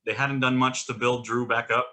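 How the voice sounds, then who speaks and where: Male co-host, mid-range pitch, casual and blunt, exasperated tone. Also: flat delivery, normal speed, bright, forceful tone. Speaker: podcast co-host. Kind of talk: casual chat about wrestling.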